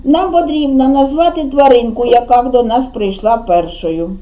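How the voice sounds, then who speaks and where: Kindergarten teacher, woman, Ukrainian accent, high mellow voice, slow sing-song delivery, dull lo-fi classroom sound. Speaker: preschool teacher. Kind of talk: preschool lesson with children.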